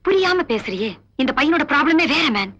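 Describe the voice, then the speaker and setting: A woman's voice: high-pitched, very animated, brisk, sharp tone, exaggerated voice. An actress playing a stern, honest woman police officer who speaks firmly and scolds, in 1990s film dialogue. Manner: firm, scolding, commanding. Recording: dull old film soundtrack.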